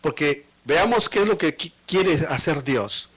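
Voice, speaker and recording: A man preaching a sermon as pastor. He speaks to the congregation with rhetorical questions and swings between loud emphatic lines and low, quiet ones. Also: expressive, measured pace, husky. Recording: livestream of a live church service.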